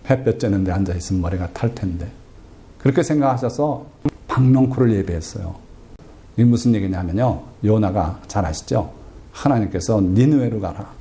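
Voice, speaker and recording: A man's voice: on the low side, mellow. A man pastor preaching a sermon, telling a scripture story in a chatty, humorous way and asking the congregation questions. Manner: conversational storytelling with self-deprecating humor.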